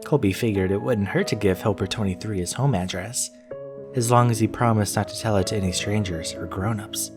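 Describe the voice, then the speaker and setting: This is a scripted first-person horror story, read by a man whose voice is low. He paces it in a measured, deliberate way like a storyteller, with plucked guitar playing distinctly underneath.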